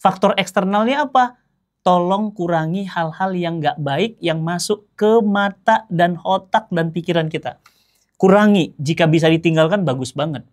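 A man's voice: high-pitched, moderate pace. Man preaching through rhetorical questions. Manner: asks rhetorical questions and answers them himself; lively, joking and conversational. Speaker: Islamic preacher. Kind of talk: sermon.

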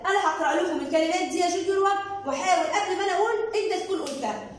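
A woman with an Egyptian Arabic accent teaching a children's lesson. She reads words in slow, drawn-out syllables and encourages her pupils by speaking to them directly. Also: very high voice, very echoey, far from the mic, slight background noise. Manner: slow drawn-out word readings, sing-song syllables. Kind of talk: children's lesson, explaining workbook exercises.

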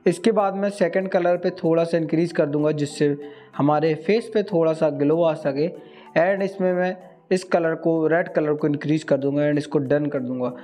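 A man's voice: a little high, moderate pace, soft background music. Man narrating an editing tutorial. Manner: steady instructional, mixing English words into Hindi. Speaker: video tutorial host. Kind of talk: step-by-step screen tutorial.

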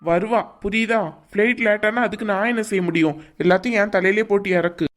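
A woman's voice: medium pitch, fairly even intonation, quick pace, close to an everyday voice. A woman voicing an irritable young man in a cartoon, with a Kanyakumari Tamil accent and a curt, scolding manner. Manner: scolding, impatient. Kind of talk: cartoon voice acting.

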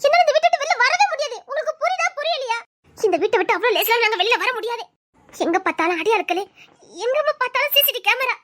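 A woman doing a very high, fearful young woman. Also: fast, bright, forceful tone. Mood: anxious. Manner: anxious, torn, pleading. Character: frightened young college woman from a strict family. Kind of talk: Tamil audio drama acting.

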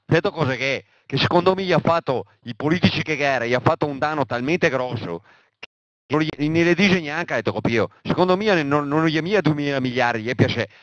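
A man's voice: a little high, lively intonation, a little fast, a bit bright, dry recording, dull audio. A man in his thirties with a Venetian accent, acting an angry, foul-mouthed militant who rants with explosive curses. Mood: vicious. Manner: ranting, peppered with explosive cursing.

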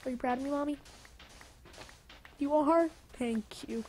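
A woman rambles through casual gameplay commentary in a bright, somewhat high voice, piling on "like" fillers and mocking herself with a grin. She jumps into sudden excited outbursts, with a faint hiss behind her voice. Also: unhurried. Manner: goofy, rambling, full of "like" fillers; jokey self-mockery, sudden excited outbursts. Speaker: gaming channel host.

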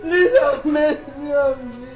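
A woman's voice: high voice, slow pace, highs cut off, soft background music. A woman with a Nigerian accent playing a wronged young wife who begs her mother-in-law tearfully for forgiveness in a film. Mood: pleading. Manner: pleading, tearful, repeats "Mommy, please". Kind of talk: Nollywood film acting.

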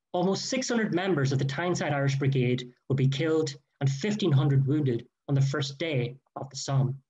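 A man giving a formal, measured history lecture read from a prepared text. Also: fairly high pitch, a little mellow. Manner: measured, careful delivery with quoted sources. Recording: dull lo-fi recording.

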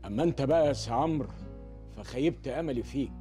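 An actor playing a stern elder with an Egyptian accent, lecturing two young men in a measured and disappointed way in a film comedy scene. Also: male voice, medium pitch, mellow, soft background music, close to an everyday voice. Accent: Egyptian Arabic.

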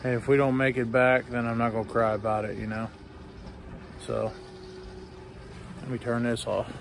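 A laid-back man with a drawl talks into a phone held at arm's length, rambling along with plenty of fillers. His pitch sits in the ordinary middle range for a man. Faint outdoor and engine noise hums behind him. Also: little pitch movement, normal speed, creaky. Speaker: farmer vlogger. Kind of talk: casual vlog chat. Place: on a farm outdoors and in a truck cab. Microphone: phone camera at arm's length.

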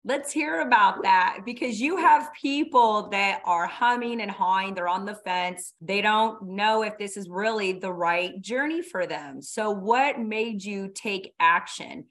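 A woman's voice: medium pitch, a little slow, few pauses, fairly bright tone. Upbeat woman hosting a video call. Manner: upbeat, enthusiastic. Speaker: podcast host. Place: living room, on a sofa. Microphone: video call webcam.

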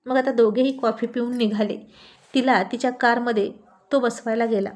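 Expressive woman storyteller. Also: fairly high pitch, normal speed. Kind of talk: story narration.

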